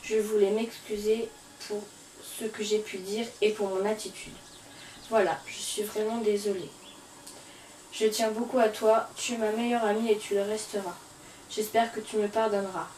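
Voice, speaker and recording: A woman's voice: medium pitch, level tone, moderate pace, darkish tone, recorded from a distance, natural voice. A remorseful, sincere girl, acted by a woman, speaking in a middle voice. She is recorded off-mic in an echoey room with faint noise. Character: remorseful girl apologizing to her best friend. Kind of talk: amateur film acting.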